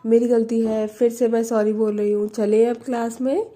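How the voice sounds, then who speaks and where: Brief: a tender, pleading young college girl, a woman storyteller reads her, lowish warm tone. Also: slow pace. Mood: apologetic. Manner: soft, pleading, apologetic.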